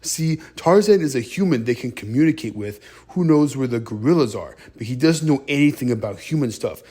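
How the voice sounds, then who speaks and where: A man with a husky, slightly breathy voice talking through a movie review in a relaxed, chatty retelling. His pitch sits in an ordinary middle range. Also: a little fast.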